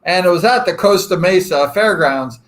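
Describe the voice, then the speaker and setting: A Southern California man near sixty runs a relaxed live chat with viewers at normal speed, spinning long, meandering stories filled with "uh" and "like." His voice is a little higher than most men's, and he's chatty and rambling, joking good-naturedly at his own expense.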